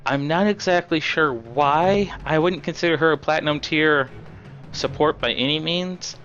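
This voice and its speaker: A man with a raspy voice giving casual, chatty live commentary on a game as an esports caster. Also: a little high, normal speed, fairly bright tone, lo-fi sound, faint music behind. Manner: casual, chatty play-by-play with fillers.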